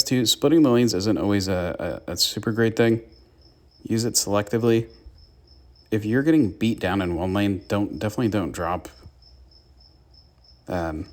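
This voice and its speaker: A young man giving casual gameplay commentary and tips to his viewers as the channel's host. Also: fairly low pitch. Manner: chatty, gives tips to viewers. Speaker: gaming YouTuber.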